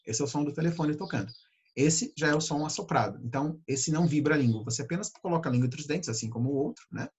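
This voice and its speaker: Brazilian guy teaching english sounds, kinda high and husky, repeats stuff slow. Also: darkish tone. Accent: Brazilian Portuguese. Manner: patient, repeats sounds slowly to demonstrate. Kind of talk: pronunciation lesson.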